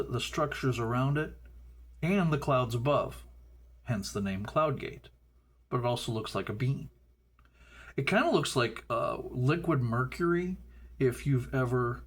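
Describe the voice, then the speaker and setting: A middle-aged man from Chicago hosting a casual building video, rambling and stumbling over words with folksy asides. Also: mid-range voice. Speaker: host.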